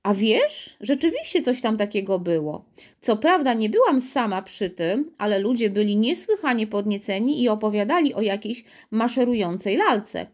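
A woman's voice: medium pitch, sing-song, normal speed, a little mellow. A woman voicing a nervous, fussy mother in a children's audiobook, speaking in a chatty, mildly fretful way.

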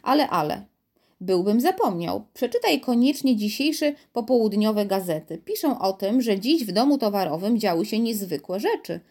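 A woman's voice: medium pitch, big pitch swings, moderate pace, darkish tone. A woman voicing a good-natured father in a children's audiobook, speaking in a reassuring, matter-of-fact way.

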